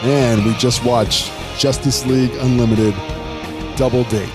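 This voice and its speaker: A man's voice: medium pitch, fairly even intonation, unhurried, over loud music. A man hosting a podcast, chatting casually and explaining things in a loose, rambling way. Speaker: podcast host. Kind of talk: casual chat with reading and recapping.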